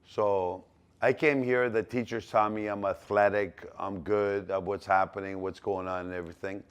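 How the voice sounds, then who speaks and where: A man's voice: lowish voice, steady tone, moderate pace, smooth. A man in his sixties from Greece, speaking with a Greek accent, tells a rambling personal story full of fillers and restarts. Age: 60s. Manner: rambling, repeats himself, many fillers and restarts. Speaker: business owner telling his life story.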